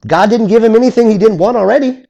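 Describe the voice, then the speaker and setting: A man's voice: high voice, fast talker, gravelly, dull audio. A man preaching through a Bible passage in a conversational way, acting out the objections of listeners. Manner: animated, acts out objectors in voices; conversational, with restarts. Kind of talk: expository Bible teaching.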